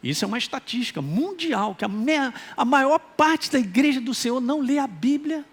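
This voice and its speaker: A man preaching a sermon as a pastor, with a Minas Gerais Brazilian accent, animated and joking, calling out for responses from the congregation. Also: very high voice, moderate pace, breathy edge. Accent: Minas Gerais Brazilian Portuguese.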